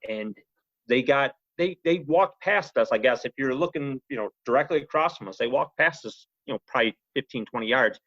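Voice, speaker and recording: Here a podcast guest talks briskly in a mid-range male voice, telling a casual, wandering story with lots of "he goes" and "you know." The sound is dry and close with no echo, though somewhat muffled.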